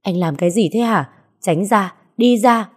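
Devoted young woman played by a female narrator, pleading, coaxing, low, mellow voice, audio story. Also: normal speed, close to an everyday voice. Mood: desperate pleading.

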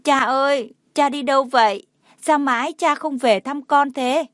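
A woman voicing a tearful, clingy little boy who pleads with his father in a high, whiny voice. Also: fairly even intonation, moderate pace, no echo, studio quality, natural voice. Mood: tearful pleading. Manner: high, whiny crying pleas.

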